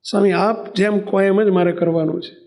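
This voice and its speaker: A man's voice: high voice, fairly even intonation, a little fast, a little mellow. A man voicing an earnest, pleading young devotee. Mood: tearful devotion. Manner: earnest, pleading, tearful at times.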